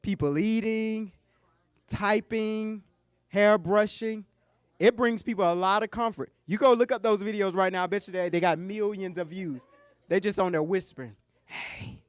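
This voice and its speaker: A man's voice: high-pitched, moderate pace, smooth, dry recording, studio quality. A man who coaches businesses, giving a live keynote talk at a conference lunch. He jokes and talks straight to the audience.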